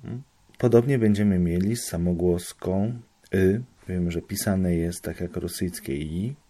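A man with a low, warm voice talks through a lecture topic in a measured, explanatory way. He pauses now and then to make sure his listeners are keeping up. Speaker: student presenting a lecture topic. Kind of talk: academic explanation.

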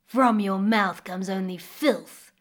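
A woman voicing a stern but kind magical mother crocodile with a low, rumbling voice and slow, deliberate speech. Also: close to an everyday voice.

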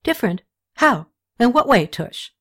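A woman voicing an imperious, hot-tempered ancient queen who fires off sharp demands. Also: a little high, sing-song, measured pace, full character voice. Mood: probing.

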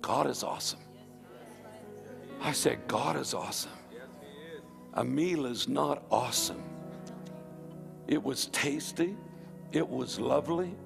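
A gravelly, medium-pitched Northern Irish voice preaches fervently to a live congregation in a church hall, hammering ideas through repetition. Music can be heard in the background.

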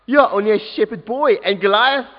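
A man's voice: high voice, a little fast, lightly acted. A man voicing a doubtful king in a read-aloud story. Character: tall worried king, doubtful. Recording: dull echoey church recording.

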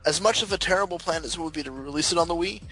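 A man's voice: fairly high pitch, racing, sharp tone, faint music behind, rough recording. A man co-hosting a gaming show in casual, banter-style talk, swearing freely as he goes. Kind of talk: casual video game banter.

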